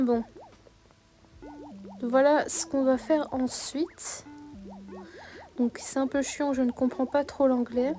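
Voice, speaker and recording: A woman's voice: high-pitched, mellow. A young woman chatting casually over her gameplay, upbeat and full of fillers and restarts. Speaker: gaming YouTuber.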